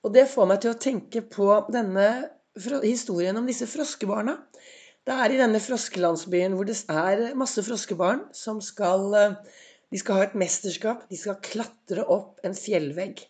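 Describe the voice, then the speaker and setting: A woman hosting a motivational podcast, a little hoarse from a cold, telling stories and asking her listeners reflective questions. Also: mid-range voice, darkish tone. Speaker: podcast host.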